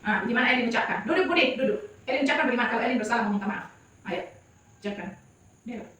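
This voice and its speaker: A high, bright woman's voice teaching a class of small children, asking short questions and coaxing them to answer. She is heard from some distance in an echoey classroom, with the reverb clearly audible. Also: lively intonation, racing. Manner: coaxing questions to young pupils. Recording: echoey room from far off.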